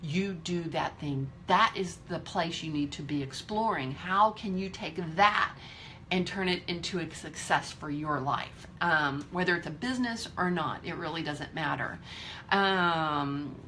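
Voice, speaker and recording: A woman's voice: sits low, measured pace, bright, forceful tone, a little hiss or hum. A woman in her fifties giving a candid, emphatic motivational talk to her viewers, swearing freely. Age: 50s. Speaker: vlogger.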